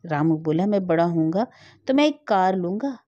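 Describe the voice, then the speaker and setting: A woman's voice: on the low side, expressive, normal speed, mellow, dry recording, dull audio. A woman narrating a sentimental family story and reading all the parts herself.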